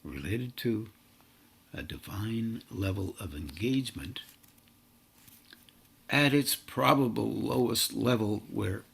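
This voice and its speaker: Slow, gravelly, husky-voiced man. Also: fairly low pitch, fairly bright tone. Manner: slow, halting, drawn-out phrases. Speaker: spiritual teacher. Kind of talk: meditative spiritual talk.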